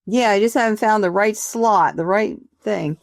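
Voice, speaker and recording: A woman's voice: medium pitch, moderate pace, no echo, clean studio sound. A woman hosting a podcast interview, chatty and encouraging, laughing easily. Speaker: podcast host. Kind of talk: casual interview chat.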